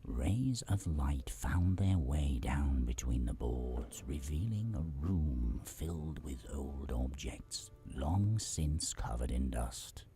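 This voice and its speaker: An extremely low-voiced man narrates a fantasy game like a storybook. His delivery is slow, dark and gravelly. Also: expressive, faint music behind. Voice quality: very deep, gravelly.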